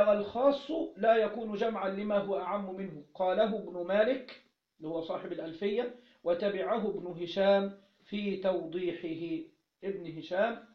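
High-voiced Egyptian man teaching a religious lesson. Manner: asks questions then answers them, repeats key phrases. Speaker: teacher of Islamic jurisprudence. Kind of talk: religious lesson, explaining a text. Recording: roomy, dull lo-fi recording.

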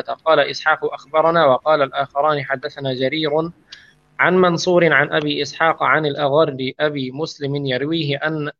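A man reading hadith narrations aloud in a steady, measured recitation, sometimes restarting a word. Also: on the high side, lo-fi sound.

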